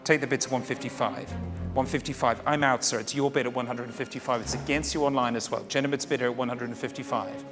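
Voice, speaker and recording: A man conducts a live fine art auction in a saleroom, at a medium pitch. He repeats the bids in formal, courteous auctioneer patter, addressing bidders directly. Music plays clearly behind his voice. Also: fairly even intonation, fast.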